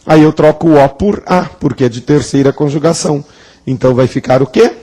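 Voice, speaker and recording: A man's voice: on the high side, fairly quick, dark tone. A man teaching a grammar lesson at a classroom blackboard, playful, asking the class questions and drawing out words for emphasis. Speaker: Portuguese teacher.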